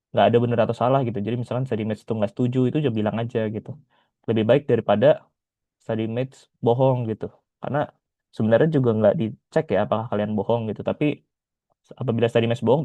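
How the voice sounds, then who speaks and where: Male tutor, casual explanatory lesson, low dark voice, dry dull recording. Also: dry recording. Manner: relaxed, chatty, frequent filler "gitu". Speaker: IELTS tutor. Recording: dull lo-fi sound.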